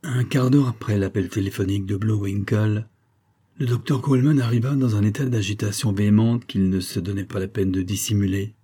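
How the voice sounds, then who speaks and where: A man reading a French novel aloud as an audiobook narrator, in a measured, literary way. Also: lowish voice, fairly even intonation, dark tone, slightly rough. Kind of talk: scripted narration.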